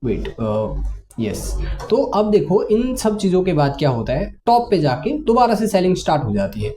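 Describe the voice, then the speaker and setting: A man explaining chart reading in a casual, conversational lesson, often pausing on fillers. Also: a little high, mellow, slight background noise. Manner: conversational, many fillers and English words mixed in. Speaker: trading teacher.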